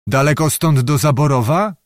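A man's voice: fairly high pitch, moderate pace, no room sound, studio quality, close to an everyday voice. A man voicing a proud, curt and menacing male chieftain in an audiobook.

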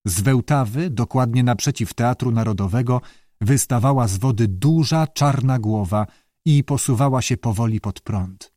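Male narrator, calm measured storytelling, mid-pitched voice, dry close recording. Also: dry recording. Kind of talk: audiobook narration.

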